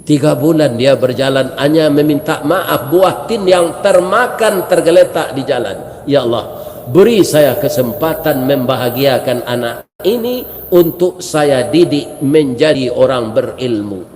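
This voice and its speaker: A man voicing a kindly king who prays in a hushed, tearful voice, with a Minangkabau accent. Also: mid-range voice, expressive, unhurried, natural voice. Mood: tearful awe. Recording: echoey hall, faint noise.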